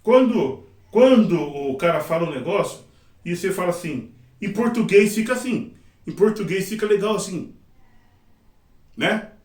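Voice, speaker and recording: A middle-aged man teaching a sign language interpreting class in a casual, lively way, acting out his examples. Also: high voice, moderate pace, long pauses. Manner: lively, acts out examples and quotes. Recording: echoey room, mic at a distance.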